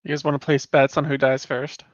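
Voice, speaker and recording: A man playing a tabletop game, chatting casually in a relaxed, joking way. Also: fairly high pitch, brisk, dry recording. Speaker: player. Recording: dull, dry lo-fi mic.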